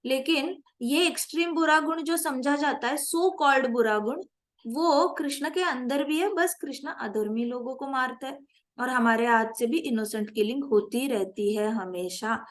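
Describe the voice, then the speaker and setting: Woman, high voice, animated scripture teacher. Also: unhurried. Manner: animated, mixes English phrases into Hindi teaching, asks class questions. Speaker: spiritual teacher. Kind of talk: scripture class lecture.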